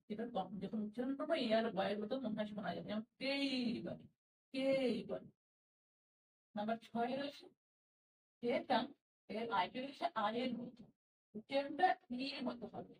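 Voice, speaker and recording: A Bengali-speaking woman teaching English pronunciation, slowly repeating each sound and example word. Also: a little high, distant mic. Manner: slow, patient, repeats sounds and example words. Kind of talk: spoken language lesson. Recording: roomy echo from away from the mic.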